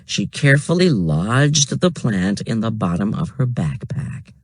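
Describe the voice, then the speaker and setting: Slow, husky man reading a storybook. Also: lowish voice, dry recording. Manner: slow and expressive. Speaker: narrator. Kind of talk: storybook read-aloud.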